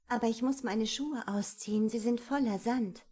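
A woman voicing a shy, delighted young woman in love, with a breathless, softly excited delivery in an audiobook. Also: fairly high pitch, moderate pace, slightly rough. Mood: bashful. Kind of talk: audiobook character reading.

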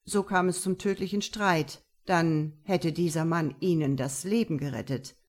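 A woman's voice: fairly low pitch, unhurried. A woman reading an audiobook, voicing a male police investigator in a formal, matter-of-fact way.

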